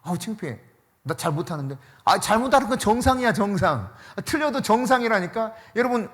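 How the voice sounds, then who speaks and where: Animated, emphatic Korean pastor preaching. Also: male voice, high voice. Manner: emphatic, repeats key words for stress; conversational, mixes casual and polite speech. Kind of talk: sermon.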